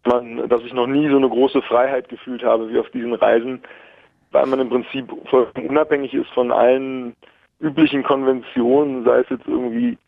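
Twentysomething guy on a tinny phone line, gravelly, rambly. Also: medium pitch, normal speed, no room sound. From Berlin, Germany. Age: 20s. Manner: rambling, many fillers and restarts, easy laughs. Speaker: caller. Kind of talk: casual phone-in chat. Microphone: telephone.

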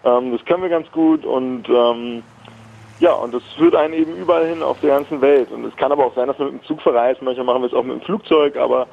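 A man's voice: medium pitch, fast, creaky. A man in his twenties from Berlin calling in to a radio show, talking in a rambling way with many fillers and easy laughs. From Berlin, Germany. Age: 20s. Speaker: caller. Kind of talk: casual phone-in chat. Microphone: telephone. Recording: tinny phone line, dry.

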